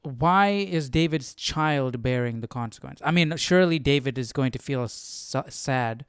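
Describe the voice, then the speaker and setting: A man hosting a livestreamed Bible study session offers casual, reflective commentary, questioning things as he thinks aloud. His medium-pitched voice is expressive, clear and resonant at a measured pace, recorded with studio quality and no room sound.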